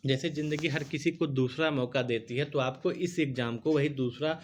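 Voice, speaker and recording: Slight background noise sits behind this man's mid-range, fairly even voice as he talks at a moderate pace. Earnest and prone to repetition, he restarts words mid-sentence while casually teaching exam aspirants.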